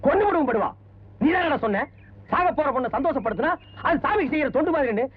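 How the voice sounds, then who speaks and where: An actor playing a bossy, sharp-tongued schemer who mocks and scolds his sidekick in a film comedy. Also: very high-pitched, expressive, fast, slight background noise. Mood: scolding. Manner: scolding, mocking. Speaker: lead comedian in a film scene. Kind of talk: 1990s film comedy dialogue. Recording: tinny, phone-like film audio.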